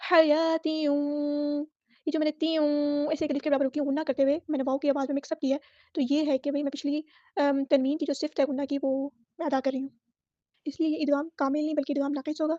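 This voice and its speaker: A woman with a Pakistani Urdu accent teaching Tajweed, explaining each letter and reciting verses slowly and drawn out. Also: sits high, flat delivery, dark tone, dry recording, highs cut off. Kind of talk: Quran recitation lesson.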